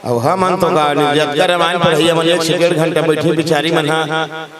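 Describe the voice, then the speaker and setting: Man, Chhattisgarhi accent, high voice, rambling folksy stage announcer, outdoor stage mic, loud crowd behind. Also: level tone, normal speed. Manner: chatty, rambling, addresses elders as "bade dada". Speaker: stage announcer at a devotional singing contest.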